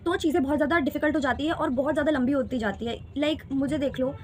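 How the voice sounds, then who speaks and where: A woman's voice: high-pitched, quick pace, slight background noise. A woman in her twenties, talking earnestly and reflectively in a candid personal vlog, slipping English phrases into her speech. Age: 20s. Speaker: vlogger sharing exam experience.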